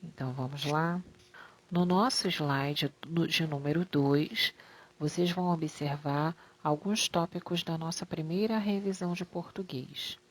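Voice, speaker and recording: Low-voiced woman teaching a grammar lesson. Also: fairly even intonation. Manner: explains slowly, stretching example words; affectionate toward pupils. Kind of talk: slide-based grammar lesson.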